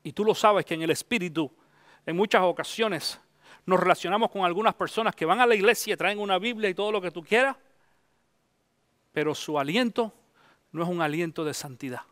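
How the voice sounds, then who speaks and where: Man, middle-aged pastor, high voice, conversational sermon, dry close sound. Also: fairly quick, fairly bright tone, dry recording. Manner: conversational preaching, mixes English phrases into Spanish.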